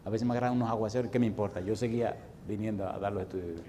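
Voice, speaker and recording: A man's voice: lowish voice, steady tone, rapid-fire, a little hiss or hum. Fervent Dominican pastor in his sixties. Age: 60s. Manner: fervent, folksy, swings from loud preaching to hushed telling. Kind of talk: sermon with personal storytelling.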